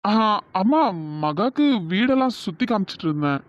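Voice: mid-range voice, big pitch swings, moderate pace, dry recording, lightly acted. A performer voicing a pushy, lovestruck young man who is insistent and exasperated. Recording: dull, dry lo-fi audio.

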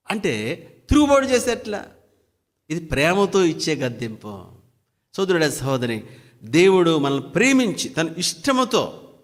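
A man's voice: high-pitched, big-room sound. A man preaching a daily devotional sermon who keeps firing rhetorical questions at his listeners. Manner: fires repeated rhetorical questions.

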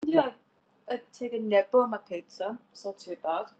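A woman's voice: fairly high pitch, animated, moderate pace, darkish tone. A woman, chatting casually while chewing with her mouth full, blunt and sweary. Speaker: co-host. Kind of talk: casual vlog chat. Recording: dull lo-fi home recording with faint noise.

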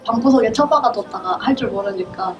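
A woman in her twenties chatting casually and politely as an interview guest, quick to giggle. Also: fairly high pitch, muffled recording, a crowd in the background. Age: 20s. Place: indoor rehearsal room with drum kit. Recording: distant mic, music behind.

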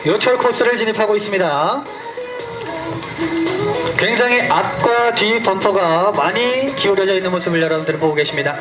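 A man's voice: sits high, normal speed. A man doing live motorsport commentary on an off-road race, exclaiming and cheering the drivers on. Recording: echoey PA sound under loud music. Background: loud music, vehicle noise.

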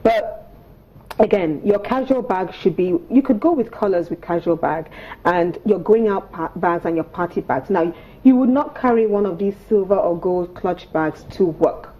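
In a fairly low voice at a moderate pace, a Nigerian-accented etiquette coach in her thirties explains topics as a studio guest on a morning show, seated on the sofa set. Her enunciation is prim, precise and instructive, and the recording is muffled.

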